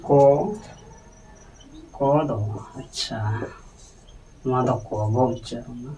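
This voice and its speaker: A man's voice: mid-range voice, little pitch movement, takes it slowly, far from the mic, noisy background. A man teaching pronunciation letter by letter, patiently repeating each sound and checking that his listeners follow. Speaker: language teacher.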